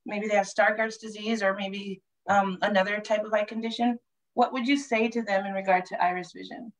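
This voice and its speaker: A woman's voice: medium pitch, fairly even intonation, brisk, poor audio. Upbeat woman host, laughing often. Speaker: host and coach. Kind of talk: casual family chat on a video show.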